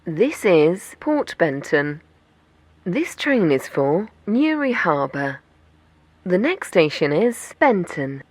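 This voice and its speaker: A woman gives a scripted train station announcement in a slightly low voice. Her delivery is very slow and measured, with each stop set apart. The intonation rises and falls widely within the formal phrasing. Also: sing-song, darkish tone, slightly rough, no room sound. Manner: measured, formulaic announcing with separated station names.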